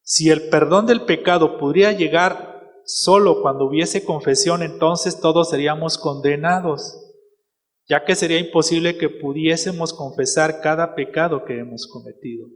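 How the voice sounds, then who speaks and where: A man's voice: on the high side, normal speed. A man with a Mexican Spanish accent, a pastor preaching a sermon and putting rhetorical questions to his congregation. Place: church hall. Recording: reverberant church hall with music.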